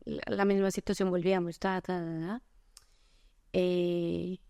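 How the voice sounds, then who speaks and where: A woman's voice: fairly low pitch, level tone, unhurried, gravelly, warm tone, clear, resonant tone, no room sound, clean studio sound. Woman podcast host, supportive. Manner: supportive listener, short affirmations, shares own experience.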